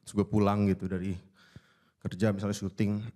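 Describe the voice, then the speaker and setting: A man's voice: lowish voice, fairly quick. A young man performing a stand-up comedy set on stage, talking animatedly and slipping into impersonations. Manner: animated, jumps into impersonations of odd voices. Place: stage before a live audience.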